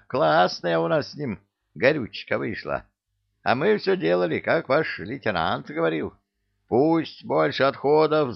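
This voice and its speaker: A man voicing an excitable, rambling old village grandpa in an audiobook, pitched up and gravelly. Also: no room sound, dull audio, exaggerated voice. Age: older.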